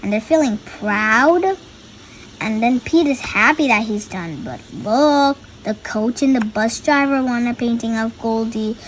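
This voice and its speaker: A young girl with a high voice reads a picture book aloud at a measured pace, stopping to explain the pictures. The recording is rough, with faint noise behind her.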